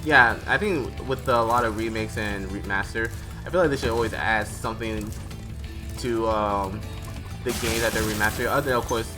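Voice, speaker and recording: A man's voice: fairly low pitch, normal speed. A young man giving casual, rambling commentary while playing a video game. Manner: rambling, chatty, self-correcting. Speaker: gaming streamer. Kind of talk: casual let's-play commentary. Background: game music.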